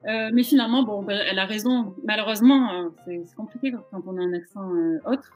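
A woman's voice: medium pitch, fast talker, dull audio, faint music behind. A young woman from southern France, chatting informally and self-deprecatingly in an interview over a video call. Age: young adult. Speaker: interviewed actress. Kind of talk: casual interview chat. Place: indoor room at home, video call. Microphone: video call microphone.

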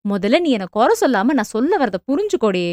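A woman voicing an anxious, talkative middle-aged mother who scolds quickly and defends herself. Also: on the high side, very animated, a little mellow, no room sound, studio quality. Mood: defensive scolding. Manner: fast, fretful, scolding.

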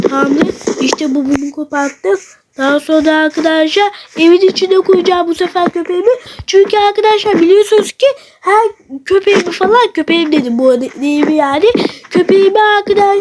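A very high, piping voice belonging to a gaming YouTuber who narrates a block-building role-play straight to the viewers. The delivery is excitable and chatty, breaking into sudden shouts and dramatic wails. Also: background noise.

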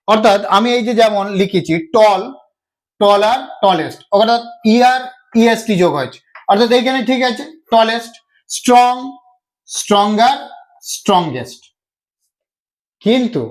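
A man teaching a grammar video lesson, patiently repeating each step and asking himself questions as he explains. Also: high voice. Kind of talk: classroom-style video lesson.

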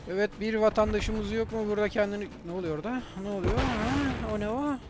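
A man commenting on his own shooter game as he plays, excitable, swearing and yelling at enemies. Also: high-pitched, fast talker, music in the background. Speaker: gamer playing a shooter. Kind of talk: live gameplay commentary. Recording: game gunfire under the voice. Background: gunfire and explosions from the game.

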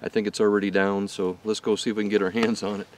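A middle-aged man hosting a casual hunting vlog, talking to camera in halting phrases with awed exclamations. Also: lowish voice, little pitch movement, far from the mic. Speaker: hunting show host. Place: hunting blind and outdoor bushland.

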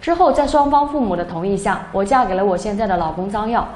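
A young woman narrating a first-person story in a plain, steady way. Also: medium pitch, fast talker. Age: young adult. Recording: echoey room, faint background noise.

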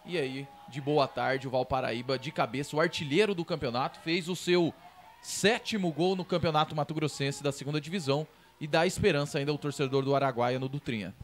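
A man with a Brazilian accent giving live football analysis as a match reporter, repeating words haltingly as he explains. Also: on the high side, a little hiss or hum.

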